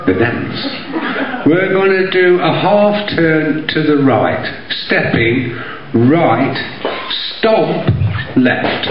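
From the audience in an echoey community hall, a middle-aged Derbyshire man with an East Midlands accent is heard teaching line dancing live on stage, counting and calling out the steps in a jokey, chatty way. His medium-pitched voice comes through a handheld mic and PA, and the dull-sounding recording picks up background noise and the audience.

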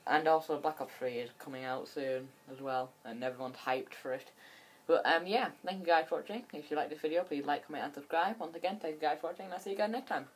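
Low-voiced woman, chatty gamer. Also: quick pace. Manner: chatty and excitable, rambling with frequent restarts. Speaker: gaming channel host. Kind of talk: casual gameplay commentary.

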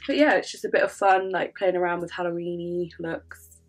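A woman's voice: fairly low pitch, steady tone, a little fast. A woman with a congested, sniffly voice chatting casually through a makeup tutorial, filling her talk with "um" and "like". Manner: chatty, many fillers like "um" and "like". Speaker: makeup vlogger.

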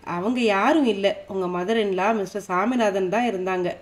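Lady narrator doing a calm friend, plain reassuring talk, story reading. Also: medium pitch, normal speed, lightly acted.

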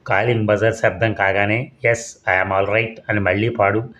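A man voicing a cool, hushed storybook hero. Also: fairly low pitch, steady tone, a little slow, dull audio. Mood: hushed, urgent. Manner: quiet, secretive instructions. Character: cool-headed male hero giving hushed orders.

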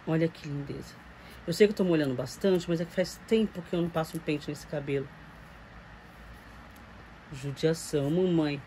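Woman, Brazilian Portuguese accent, lowish voice, chatty and doting, casual vlog talk, faint background hiss. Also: moderate pace, pauses often, warm tone, rough recording. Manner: chatty and doting, coos at the doll. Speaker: reborn doll collector vlogger. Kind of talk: casual chat to viewers. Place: home room with doll shelves.

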